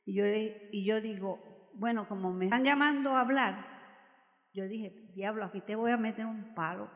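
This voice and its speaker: An older woman with a Puerto Rican accent, a retired music teacher, telling a religious testimony in an animated way and acting out the voices she quotes. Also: mid-range voice, moderate pace, big-room sound. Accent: Puerto Rican Spanish.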